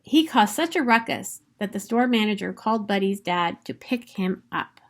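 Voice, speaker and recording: A woman reads a children's picture book aloud with expressive, emphatic storytelling, her mid-range voice at a moderate pace.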